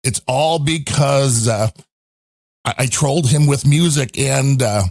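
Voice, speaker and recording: A man on a casual talk show, telling a long, animated, rambling story about a storm and his week. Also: medium pitch, unhurried, vocal fry, no echo, clean studio sound. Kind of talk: casual chat. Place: home in a storm-hit area.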